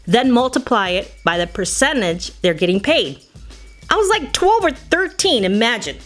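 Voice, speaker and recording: With a higher, fairly bright voice and a sing-song lilt, an American storyteller narrates her personal memories over music at a moderate pace. She sounds playful and wistful, and she drops into Spanish phrases as she goes.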